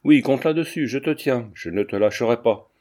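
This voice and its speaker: A man's voice: medium pitch, normal speed, darkish tone, natural voice. A man voicing an angry, blustering fairground man in an audiobook, speaking in a threatening way.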